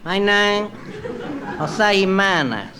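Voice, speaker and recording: A man playing a bumbling, literal-minded would-be astronaut who misunderstands every question, in a slow deadpan comedy-sketch delivery. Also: sits high, a crowd in the background. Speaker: comic interviewee. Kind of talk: stand-up comedy interview sketch.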